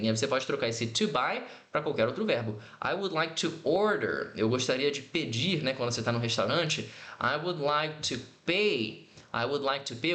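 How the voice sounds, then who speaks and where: Guy teaching english online, repeats phrases slow, voice jumps around a lot. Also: on the high side, a bit bright, echoey room. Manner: explains patiently, repeats English phrases slowly. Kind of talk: online language lesson.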